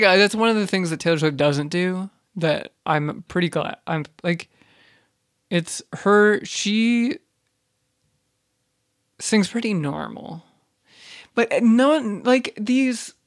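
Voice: mid-range voice, takes it slowly. A speaker delivering a casual, exasperated, profane rant, full of fillers and restarts. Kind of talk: casual ranting monologue.

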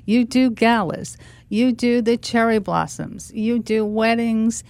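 A woman's voice: on the high side, fairly even intonation, slow pace, a little mellow. A woman hosting a radio interview, who asks friendly, leading questions. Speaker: radio show host.

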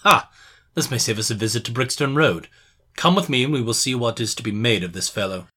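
An actor playing a calm, shrewd gentleman detective who speaks in a measured, dryly confident way. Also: mid-range voice, husky. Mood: musing.

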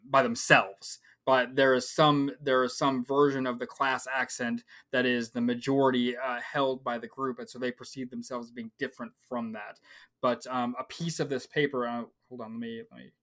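A man's voice: mid-range voice, fairly bright tone. Emphatic man discussing a paper. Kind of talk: casual discussion of a research paper.

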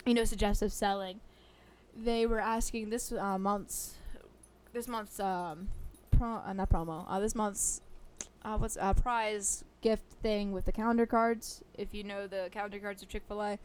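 Young woman rambling about work, giggles a lot, lots of um and like, mid pitch. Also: steady tone, a little slow, darkish tone, clean tone. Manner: giggly, chatty, full of fillers. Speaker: fast-food drive-thru worker. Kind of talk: casual storytelling.

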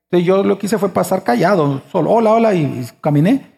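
A man's voice: high voice, expressive, a little fast, gravelly, a little mellow. A pastor in his forties preaching a sermon, emphatic and full of rhetorical questions to the congregation.

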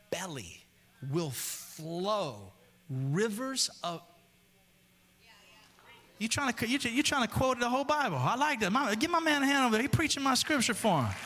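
Preaching in a church, a male pastor talks casually with the people in the pews and reads scripture slowly and deliberately. The sanctuary gives a long hall reverb, and his voice climbs in pitch and loudness as he gets worked up.

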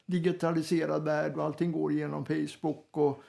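High gravelly guy musing away, kinda wry. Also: flat delivery. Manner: reflective, muses with a gentle humor. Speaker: guest in group talk. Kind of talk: casual chat.

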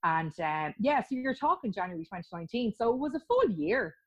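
A woman's voice: mid-range voice, sing-song, a little fast, lo-fi sound. An Irish woman chatting as an interview guest about her postponed wedding plans, talking freely with frequent laughs and restarts. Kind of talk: casual chat.

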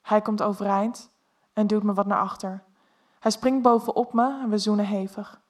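A woman reading an erotic story aloud in a soft, intimate first-person narration. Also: medium pitch, level tone, moderate pace.

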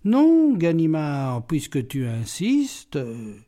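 A man reading an audiobook, voicing a witty, mocking, self-assured gentleman burglar held in a cell. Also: a little high, huge pitch swings, takes it slowly, exaggerated voice. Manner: playful, ironic, self-assured.

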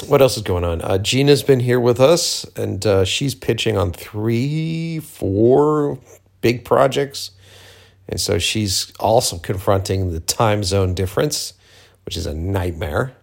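Low, gravelly man chatting candidly. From Cape Cod, Massachusetts, USA. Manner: candid, profane, full of slangy asides. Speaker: filmmaker hosting a personal audio journal. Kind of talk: casual rambling monologue.

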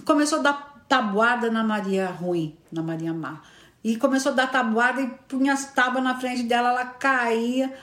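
A woman's voice: a little high, moderate pace, fairly bright tone. Woman telling a fairy tale, echoey. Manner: rambling, repeating phrases, with tag questions. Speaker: storyteller. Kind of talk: casual oral storytelling. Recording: echoey room.

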